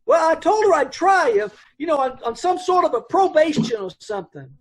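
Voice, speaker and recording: In the style of an old-time radio play, a man voices an anxious, middle-aged dance hall owner who rambles and stumbles over his grammar. His high voice swings widely in a sing-song way, fairly quick and uneasy.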